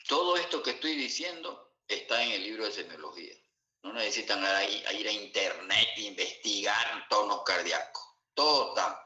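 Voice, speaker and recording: Male medical lecturer, bright low voice, lo-fi echoey classroom recording. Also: lively intonation, normal speed. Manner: asks students rhetorical check-in questions. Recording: echoey room, dull lo-fi sound.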